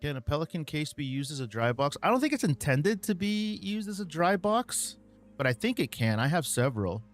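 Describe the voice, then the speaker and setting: A man's voice: fairly high pitch, very animated, a little fast, faint music behind. Laid-back man hosting a live Q&A. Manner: laid-back, calls viewers man and bro, many ums and uhs. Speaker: livestream host answering viewer questions. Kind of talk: casual live Q&A chat.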